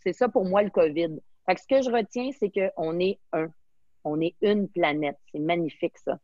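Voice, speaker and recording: A woman's voice: fairly low pitch, moderate pace, darkish tone, no echo, dull audio. A woman from Quebec with a Québécois French accent, speaking enthusiastically as a guest in a webinar interview and mixing in English words.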